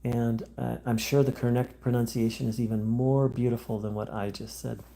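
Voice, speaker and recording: A man talks live into his phone as the host of a spiritual channel, stopping to read and answer viewer comments. His voice is dark and gravelly, with a mellow tone. He meanders through thoughts in a halting way, full of fillers and restarts, and stays gentle and conciliatory toward his viewers. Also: medium pitch, level tone. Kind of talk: live-stream talk, reading viewer comments.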